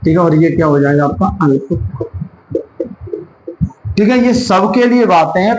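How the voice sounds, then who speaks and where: A male teacher giving an exam-prep lesson. He asks questions and answers them himself, and repeats key terms and sounds slowly. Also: sits high, reverberant, slight background noise, low-quality recording.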